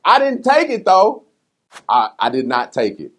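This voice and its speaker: A man whose voice sits high speaks at a measured pace as a guest in a casual, candid interview about personal matters. His talk is slangy and conversational, full of animated storytelling where he acts out the quotes.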